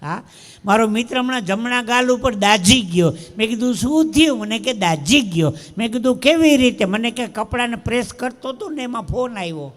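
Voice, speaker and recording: High-voiced Kathiawadi comedian on stage. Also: male voice, normal speed, fairly bright tone, long reverb tail. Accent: Kathiawadi Gujarati. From Dwarka, Saurashtra, India. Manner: storytelling with punchlines, acts out voices. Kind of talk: live stand-up joke telling. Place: outdoor fair stage before a crowd.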